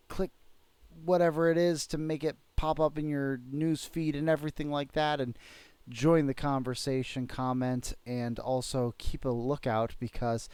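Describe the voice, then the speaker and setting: On his casual podcast, a father softly prompts his kid with questions and wraps up with a bright reminder to the audience. His voice is smooth and medium-pitched, and there's no echo.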